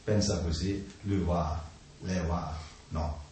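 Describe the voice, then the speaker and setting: A man giving an informal talk on the mind, speaking in halting, simple phrases and often checking in with a questioning "no?" after his points. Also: low-pitched, fairly even intonation, dark tone. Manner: halting, simple non-native grammar, keeps adding "no?". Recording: echoey room, distant mic, faint noise.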